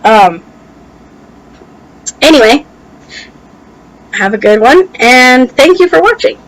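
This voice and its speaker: Young woman, American accent, high pitch, opinionated vlog rant, heated delivery, tongue-piercing articulation, allergy-hindered speech. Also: expressive, unhurried, fairly bright tone, low-quality recording. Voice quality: slightly impeded articulation from a tongue ring. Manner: heated, emphatic, casually profane. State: allergies making it hard to talk. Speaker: video blogger. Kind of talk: opinionated reaction rant to camera.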